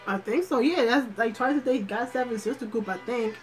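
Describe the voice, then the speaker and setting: A woman's voice: fairly high pitch, brisk, faint music behind, rough recording. A woman hosting a casual livestream chat, rambling and thinking aloud in slangy, profane talk with many fillers and restarts. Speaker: livestream host.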